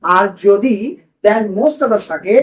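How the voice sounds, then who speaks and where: A man's voice: high-pitched, takes it slowly, poor audio. A man teaching a grammar lesson to a class in a classroom, asking questions and repeating the students' answers.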